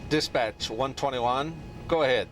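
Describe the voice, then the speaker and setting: A man's voice: medium pitch, a little slow, fairly bright tone, slight background noise. Airline captain, man heard over radio. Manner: clipped radio procedure phrasing. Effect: heard over an aircraft radio. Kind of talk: terse radio exchange.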